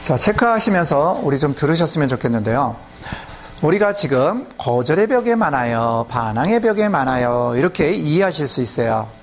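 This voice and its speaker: A man's voice: on the high side, sing-song, moderate pace, a little hiss or hum. A man preaching and leading prayer, speaking emphatically and often checking with the audience. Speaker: pastor. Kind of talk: sermon teaching and leading prayer.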